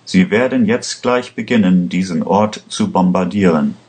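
A man's voice: sits low, a little mellow, natural voice. A man doing a curt armed soldier. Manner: curt, hurried orders.

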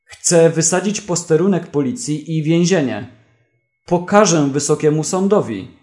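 A brash prisoner bellows his accusations with excited, loud insistence, as a man reads him in a story. His voice sits fairly high and swings widely in pitch. The delivery stays slow and deliberate despite the shouting. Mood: insistent.

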